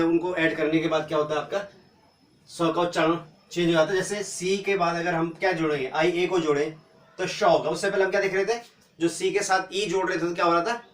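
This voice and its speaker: Man, English teacher, high voice, roomy distant sound. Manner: spells out letters slowly, asks and answers his own questions. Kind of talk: classroom-style phonics lesson. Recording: echoey room, voice from off-mic.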